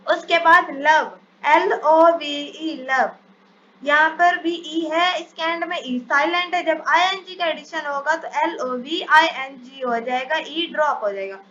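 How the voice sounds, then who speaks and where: A woman teaching English spelling rules in a step-by-step lesson, reading each English rule out slowly before explaining it. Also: sits high, bright, forceful tone. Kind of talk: spelling lesson over slides. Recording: dull lo-fi sound, faint hiss.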